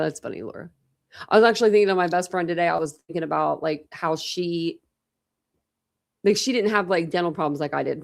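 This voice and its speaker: This true crime livestream host, a young woman with a slight lisp, has a lowish, creaky, darkish voice. She rambles chattily with her audience and responds to their chat comments.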